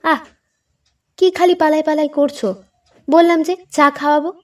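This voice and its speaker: A woman voicing a lively, bossy young woman who teases and pushes others along, in a spoken storybook reading. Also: sits high, recorded from a distance, pitched above the performer's own voice, natural voice. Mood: eager, teasing. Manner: eager, teasing, quick to push.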